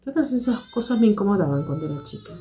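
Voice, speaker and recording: A woman hosting a live stream, speaking to her viewers in a measured, reflective way and repeating her key points. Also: mid-range voice, big pitch swings, warm tone, faint music behind.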